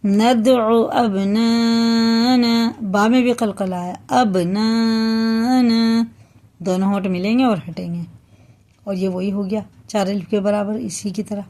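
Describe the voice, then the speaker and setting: A woman teaching the rules of Quran recitation, explaining patiently and then reciting verses slowly and drawn out, often checking that listeners follow. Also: mid-range voice, fairly even intonation, mellow. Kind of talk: tajweed lesson with slow recitation.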